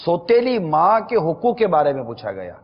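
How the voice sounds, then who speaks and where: A man hosting a religious talk show, explaining patiently and slowing down to stress key points. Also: on the high side, huge pitch swings, long reverb tail, dull audio. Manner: measured, explanatory, slows for emphasis. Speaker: religious scholar answering questions.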